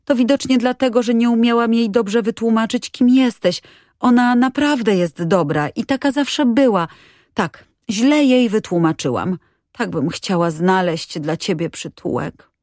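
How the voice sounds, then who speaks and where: Kobieta grająca rozgadaną, radosną dziewczynkę. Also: female voice, a little high, animated, unhurried, darkish tone, no room sound, studio quality, voice pushed up. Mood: eager. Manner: eager, breathless chatter. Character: cheerful chatty little girl.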